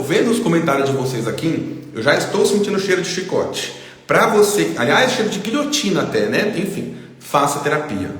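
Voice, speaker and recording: Echoey Brazilian psychologist, casual live chat. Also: male voice, on the high side, a bit bright. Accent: Brazilian Portuguese. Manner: informal, repeats points, frequent "tá?" checks. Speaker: psychologist hosting a live stream. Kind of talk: casual live-stream talk to viewers. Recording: very echoey room with long reverb.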